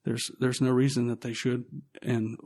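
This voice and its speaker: Earnest man hosting, flat voice. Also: mid-range voice. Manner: earnest, emotional, halting. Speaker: podcast host. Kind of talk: casual interview.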